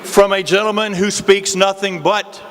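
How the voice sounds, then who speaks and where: A man's voice: high-pitched, flat delivery, normal speed, fairly bright tone. A man giving an emphatic introduction at a political rally, delivering it phrase by phrase. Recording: noisy amplified rally venue.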